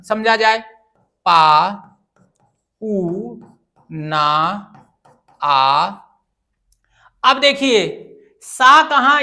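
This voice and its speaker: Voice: sits high, bright, forceful tone. A grammar teacher giving an exam-prep lecture, asking questions and answering them, repeating phrases and spelling words out syllable by syllable.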